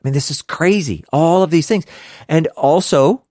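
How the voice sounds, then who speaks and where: A man co-hosting a casual Bible study podcast, animated and quick to laugh, with hammy outbursts. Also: fairly high pitch, no room sound, clean studio sound. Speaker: podcast co-host teaching scripture.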